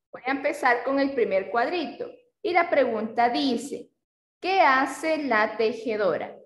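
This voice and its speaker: High woman's voice, kindergarten teacher, slow and patient, echoey room. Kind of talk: online class with young children.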